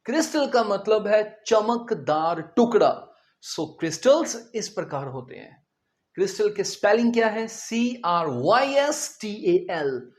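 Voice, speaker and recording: A man teaches vocabulary at an unhurried, measured pace. He spells each word out letter by letter, explains its meaning plainly, and keeps quizzing his students as he goes. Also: high-pitched, animated, a little mellow. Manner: spells words letter by letter and explains them simply; addresses the students directly with questions. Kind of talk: vocabulary lesson.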